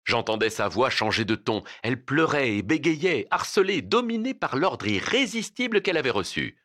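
Male narrator, mid-pitched, dramatic literary reading, animated delivery. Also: moderate pace.

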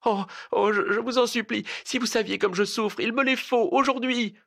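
A man's voice: a little high, moderate pace, fairly bright tone, voice pushed up. Storybook figure: man doing a raised-voice distressed young woman, shaky and pleading. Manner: trembling, pleading, near tears.

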